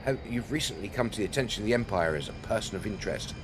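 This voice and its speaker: A man voicing a courteous Imperial officer from a space game, formal, measured and reassuring. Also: lowish voice, lively intonation, noisy background, natural voice.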